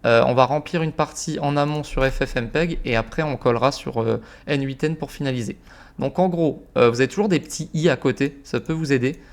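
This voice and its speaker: Young male tutorial host, mid-pitched, laid-back and informal, hesitant filler-heavy delivery. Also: fairly quick. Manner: relaxed, many fillers, informal slang. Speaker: automation tutorial creator. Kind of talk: casual screen-recorded tutorial.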